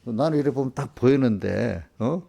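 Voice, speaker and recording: A middle-aged man preaches at a church service. He has a gravelly voice at an ordinary pitch. He talks in a folksy, chatty way and keeps turning to his congregation for agreement. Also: animated, normal speed, dark tone. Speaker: pastor. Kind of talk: conversational sermon.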